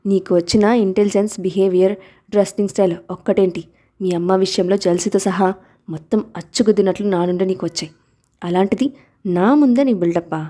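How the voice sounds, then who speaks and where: A calm, loving young father from a storybook, gentle and a little teasing, as a woman reader voices him. The tone is warm and mellow, in an everyday reading voice. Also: mid-range voice, fast, close to an everyday voice.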